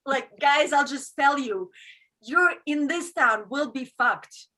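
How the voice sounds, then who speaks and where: A woman doing stand-up, speaking English as a non-native, with a deadpan delivery full of fillers and restarts. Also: high-pitched, takes it slowly, rough recording. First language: not English. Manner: deadpan, self-interrupting with fillers. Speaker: stand-up comedian. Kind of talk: stand-up set.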